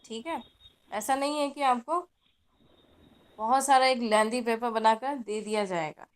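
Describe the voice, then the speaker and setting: A woman's voice: a little high, a little slow. A woman teacher giving an online class lecture, patiently explaining and checking in with her students.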